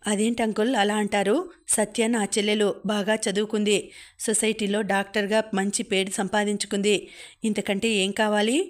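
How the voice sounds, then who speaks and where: A woman voicing a hot-headed young man standing up for his sister, steady and fairly flat in tone, scolding and forceful, read aloud from a storybook. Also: mid-range voice, moderate pace, natural voice. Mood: reproachful. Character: young man, fiery protective brother.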